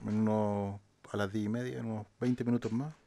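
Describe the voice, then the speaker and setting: A man's voice: lowish voice, flat delivery, brisk, creaky, mellow, slight background noise. A man chatting casually with teammates while gaming, dropping English callouts. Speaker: gamer.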